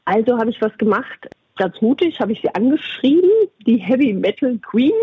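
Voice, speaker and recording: A middle-aged woman with a husky voice answers interview questions conversationally, telling anecdotes about her work. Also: on the high side, lively intonation, normal speed, dry recording. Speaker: interviewee, doctor and puppeteer. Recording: thin phone-like radio sound.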